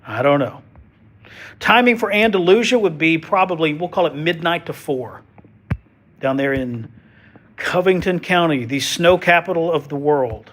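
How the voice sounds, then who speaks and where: Fairly high in pitch and fairly bright, the man speaks at a moderate pace. He's a TV meteorologist delivering casual livestream weather commentary, chatty and folksy with joking asides, sniffling all the while from a head cold.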